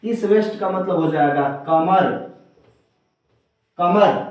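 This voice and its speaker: A man's voice: sits high, slow pace. A male teacher giving a grammar lesson, spelling out words letter by letter and repeating each term. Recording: roomy echo, from far off.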